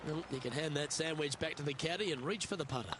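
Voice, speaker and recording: A man's voice: on the high side, fast talker, noisy background, natural voice. A man playing the lead golf commentator in a video game, calling each shot in short running updates over outdoor ambience. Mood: composed, observant.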